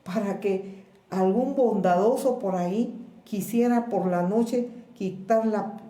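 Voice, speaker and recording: A woman pastor with a Guatemalan Spanish accent, preaching a sermon in a slow, measured way with pauses and repeated words. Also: mid-range voice, warm tone, echoey room. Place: church.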